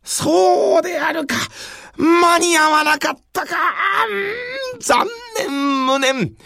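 A storyteller voicing a bold, impatient male warlord with a gruff, commanding manner in a traditional telling. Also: mid-range voice, big pitch swings, measured pace, fairly bright tone, no room sound, clean studio sound, heavily acted. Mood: brusque.

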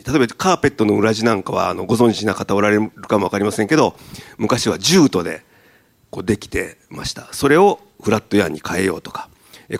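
A man from Okayama, a company president, giving a formal presentation at a seminar with polite phrasing and many hesitant fillers. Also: fairly low pitch. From Okayama, Japan. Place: seminar hall in Tokyo.

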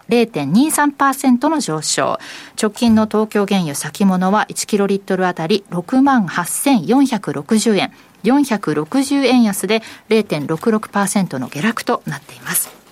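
Female radio host, mid-pitched, brisk and clear with market numbers. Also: darkish tone. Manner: brisk, reads figures carefully. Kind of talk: radio market program hosting.

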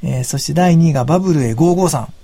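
A man's voice: fairly high pitch, quick pace, gravelly, mellow, a little hiss or hum. A man commenting on a radio talk show in a studio, reading out rankings in an easygoing, wry, teasing way. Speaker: securities firm commentator.

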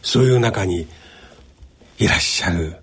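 A man hosting a radio interview, effusive and full of flattery, often laughing. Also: deep voice, a little slow, breathy edge. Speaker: radio host. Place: radio studio.

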